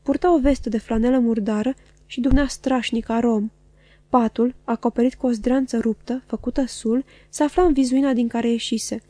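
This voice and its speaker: A woman reading a classic novel aloud in a measured, even narration. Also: fairly high pitch, no echo. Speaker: audiobook reader. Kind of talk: scripted literary narration.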